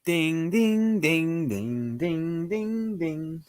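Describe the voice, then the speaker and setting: As faint music plays, a streamer works through a language lesson live, keeping up casual commentary full of jokes and mock exclamations. He speaks extremely slowly in a very animated voice that runs on the high side.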